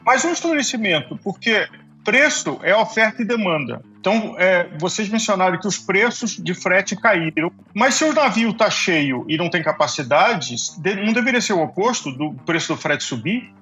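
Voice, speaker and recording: A man's voice: high-pitched, expressive, normal speed, sharp tone, soft background music. A male podcast host asking long, thoughtful questions of his guests. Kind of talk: podcast interview.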